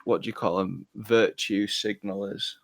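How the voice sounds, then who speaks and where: A man's voice: on the low side, little pitch movement, a little slow, gravelly. A man co-hosting a podcast in casual chat, full of jokey, sarcastic banter. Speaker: podcast co-host.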